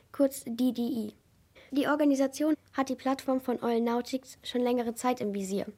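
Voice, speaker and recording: A hulking, reserved oil-rig worker who mumbles his account in a subdued, slightly high voice, read by a woman narrator. An audiobook thriller figure. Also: mellow. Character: quiet, hulking male rig worker, accused.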